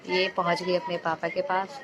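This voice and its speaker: A woman's voice: fairly low pitch, monotone, moderate pace, muffled recording, over music, a crowd in the background. A young woman, a mother, chattily narrating a home video of her daughter in casual voice-over.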